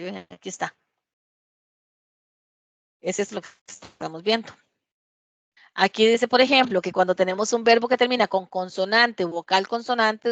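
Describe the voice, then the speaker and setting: A female teacher gives a grammar lesson in class, slowly voicing English example sentences and asking "¿verdad?" to confirm. Her medium-pitched voice is gravelly and a bit bright, heard in a dry recording.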